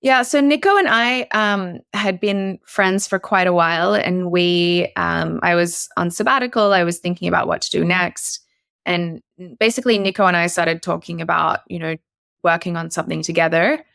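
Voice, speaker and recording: A woman's voice: fairly low pitch, steady tone, normal speed, creaky, fairly bright tone, clean tone, dry recording, clean studio sound. A woman from Australia, a guest investor on a podcast interview, chatty with many fillers and restarts.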